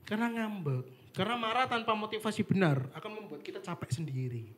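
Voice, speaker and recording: High-voiced chatty man preaching. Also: a little fast. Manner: chatty, animated storytelling with frequent fillers. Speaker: devotional speaker. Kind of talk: casual devotional talk. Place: apartment meeting room with live and online audience.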